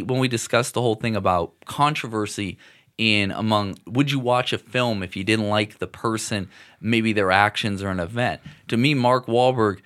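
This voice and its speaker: A man's voice: fairly low pitch, a bit bright. A man co-hosting a casual movie talk show, rambling and restarting his sentences as he makes his point. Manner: rambling, restarts, colloquial asides. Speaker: co-host of a film talk show. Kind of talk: casual podcast chat about movies.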